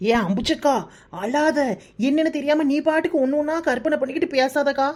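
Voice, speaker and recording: A woman's voice: sits high, steady tone, darkish tone, natural voice. A woman voicing a feisty young village neighbor. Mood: urging. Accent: Kanyakumari Tamil. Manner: brisk, emphatic and protective. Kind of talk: cartoon voice acting.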